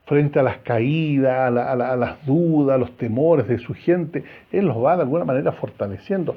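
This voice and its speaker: A man's voice: mid-range voice, slightly rough, narrow, tinny audio. A male priest with a Chilean accent preaching a homily in a chapel, talking conversationally and asking the congregation questions. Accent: Chilean Spanish.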